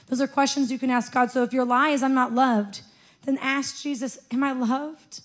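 Young woman, church speaker, fairly high voice, gentle coaching sermon, handheld mic, auditorium stage. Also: steady tone, normal speed. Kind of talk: sermon with guided prayer.

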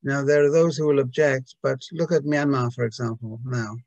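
A man's voice: medium pitch, fairly even intonation, normal speed, a little mellow, no room sound, lo-fi sound. A man giving a reflective Buddhist talk to a group, hesitant and full of restarts and rhetorical questions.

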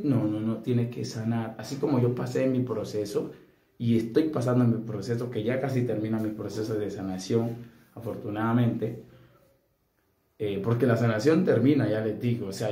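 A man's voice: medium pitch, dark tone. Blunt, earnest man in an echoey room. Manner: earnest and blunt, often asking "¿sí?" for assent. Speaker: spiritual coach. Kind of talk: direct-to-camera spiritual advice.

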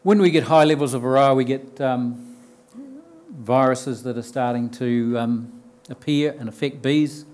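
An older man with a New Zealand accent speaks at a podium mic in a room full of listeners. He explains his points plainly in a middle-pitched voice, pausing on ums and restarting his sentences as he goes. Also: a little mellow. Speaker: conference speaker. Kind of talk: conference talk. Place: lecture room with bookshelves and audience.

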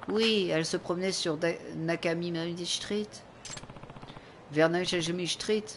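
A man's voice: high-pitched, fairly even intonation, slow pace, fairly bright tone, a little hiss or hum, voice pushed up. A man voicing a helpful woman passerby, speaking hesitantly.

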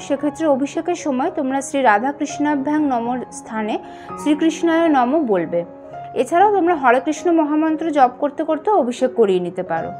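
A woman calmly explaining ritual steps one by one, now and then chanting mantras slowly. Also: high voice. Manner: calm step-by-step explaining, addresses viewers as friends. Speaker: home puja demonstrator. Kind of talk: instructional voice-over.

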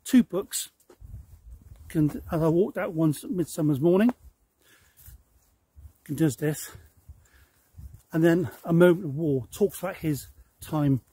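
A man's voice: a little high, takes it slowly, pauses often, dark tone, husky, no room sound. A middle-aged man vlogging outdoors on a rural track, talking in a chatty, rambling way with restarts. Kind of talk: casual outdoor vlog chat. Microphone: camera mic, selfie framing then distant camera.

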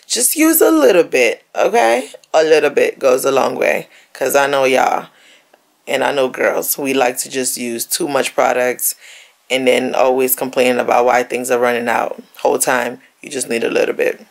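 A woman's voice: a bass voice, normal speed, gravelly. A young woman talking viewers through a hair tutorial in a casual voiceover, chatty and joking with asides. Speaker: beauty vlogger. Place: recorded apart from the pictured scene.

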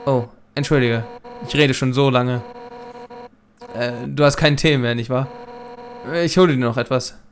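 A man's voice: medium pitch, steady tone, moderate pace, slight background noise, natural voice. A man reading a brash fish warrior captain. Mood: reflective. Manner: boisterous, loud bursts, chuckling. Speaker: Let's Play gamer reading dialogue. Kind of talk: reading game dialogue aloud.

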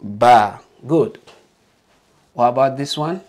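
A man's voice: a little high, measured pace, a little mellow. A man teaching a beginner alphabet lesson, patiently modeling letter sounds and encouraging learners to repeat.

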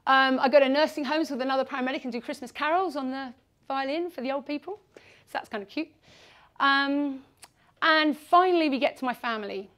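Her high, fairly bright voice carries a West Country accent as she jokes at her own expense during a presentation in a meeting room. She's an Englishwoman in her forties, recorded from a far camera.

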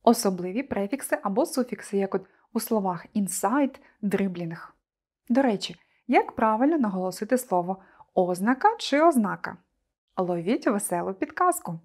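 A woman teacher delivers a scripted online lesson, speaking clearly and deliberately to her pupils. Her mid-range voice is expressive and a little mellow.

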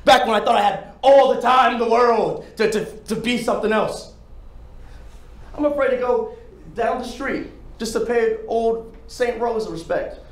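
Guy acting out a bitter divorced man falling apart, loud pleading outbursts, roomy echo. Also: on the high side, expressive, unhurried, long pauses. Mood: anguished. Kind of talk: dramatic audition monologue.

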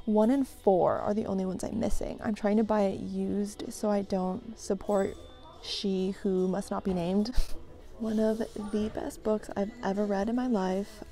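A woman's voice: mid-range voice, mellow. A woman vlogging casually as she browses books in a thrift store, chatty and giggly, musing half to herself. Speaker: book vlogger. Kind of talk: casual chat while browsing.

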